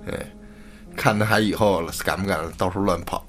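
Brief: short-fused swearing uncle, put on by a male storyteller, low-pitched. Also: a little fast, a bit bright, soft background music. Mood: angry. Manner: cursing, scolding. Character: angry rural uncle, middle-aged man, hot-tempered.

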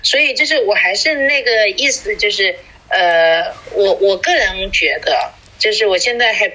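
A woman's voice: medium pitch, moderate pace, sharp tone, rough recording. A woman in her forties chatting casually as a podcast co-host, rambling with many fillers and restarts. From small city in China. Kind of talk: casual chat.

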